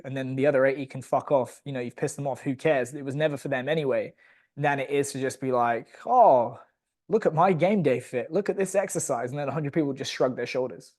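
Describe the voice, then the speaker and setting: A man who is a guest on a podcast, explaining his views in a blunt, articulate and measured way. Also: mid-range voice, darkish tone. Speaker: podcast guest, founder of a coaching education business. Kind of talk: casual podcast interview.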